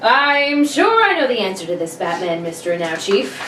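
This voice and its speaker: A woman's voice: mid-range voice, very animated, moderate pace, a bit bright. A woman voicing an earnest, determined male reporter in an amateur radio play reading. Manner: earnest, insistent. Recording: roomy, distant, faint noise.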